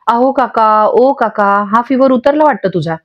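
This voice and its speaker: A woman's voice: a little high, measured pace, close to an everyday voice. A woman voicing a scheming older man who mocks and taunts with boastful scorn. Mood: taunting. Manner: mocking, boastful. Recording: dull lo-fi audio.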